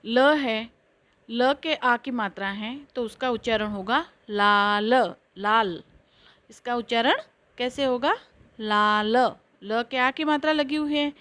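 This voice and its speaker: A woman teacher giving a basic alphabet lesson, reciting letters and words one at a time with careful, drawn-out pronunciation. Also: on the high side, fairly bright tone, no room sound. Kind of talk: slow Hindi alphabet lesson.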